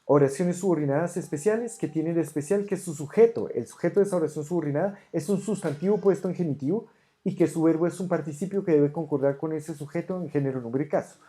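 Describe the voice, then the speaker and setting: A teacher with a warm, medium-pitched voice gives an online ancient Greek grammar lesson, captured by a camera sitting on a desk. Patiently, they correct homework and sound out Greek words slowly.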